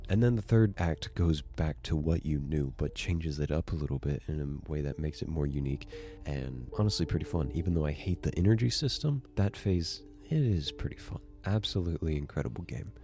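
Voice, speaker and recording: A man narrating a casual video essay, excitable and swearing freely as he gushes. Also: extremely low pitch, brisk, faint music behind. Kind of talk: casual enthusiastic commentary.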